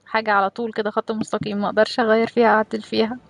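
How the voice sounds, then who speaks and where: A woman's voice: fairly high pitch, little pitch movement, rapid-fire, vocal fry, dry recording. A woman with an Egyptian Arabic accent chatting casually and informally as a game streamer, with a giggly manner. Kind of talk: casual livestream chat.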